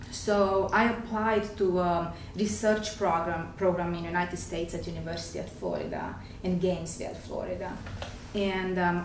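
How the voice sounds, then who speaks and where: A middle-aged Romanian woman with a Romanian accent and a lowish voice appears as a gastroenterologist guest on a talk show. She explains things carefully, with hesitant fillers. The recording is echoey, with a distant mic and faint noise.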